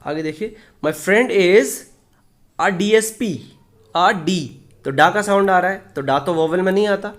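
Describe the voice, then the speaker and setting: A man teaching English grammar in Hindi. He explains step by step, asks the class questions and answers them himself, and reads the example sentences slowly. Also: high voice, fairly bright tone.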